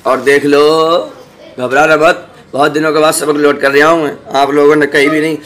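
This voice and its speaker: In an online Quran lesson, a man with a fairly high, level-toned voice slowly recites each Arabic word and repeats it. He then explains quickly and gently reassures his learners with small jokes.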